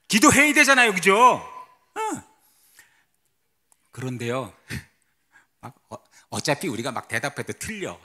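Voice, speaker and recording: A missionary pastor gives a testimony sermon during a church service in the sanctuary, recounting his story dramatically and putting questions to the congregation. His voice is fairly high and a bit bright.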